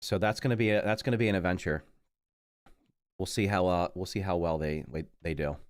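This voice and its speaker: Low-pitched and fairly quick, a middle-aged gamer rambles through casual stream chat, sounding congested. He corrects himself mid-sentence and mutters while he works at something. His voice comes through clean, with no echo.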